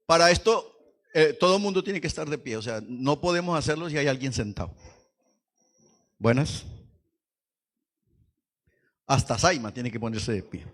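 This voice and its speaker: A man preaching a lively Pentecostal sermon in church, swinging from hushed asides to shouts and quizzing the congregation. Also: mid-range voice, moderate pace, long pauses. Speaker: pastor.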